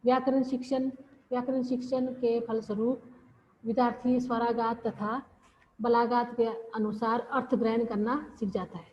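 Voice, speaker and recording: A woman giving a classroom lecture, explaining slowly and repeating phrases with pauses. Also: on the high side, flat delivery, a little hiss or hum. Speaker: teacher. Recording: dull lo-fi audio with long reverb.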